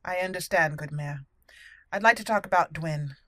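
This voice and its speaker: Game audio plays behind a gaming channel host as she runs a let's play indoors, playfully mixing in-character lines with relaxed commentary. Her deep, fairly bright voice keeps a moderate pace on a dry recording.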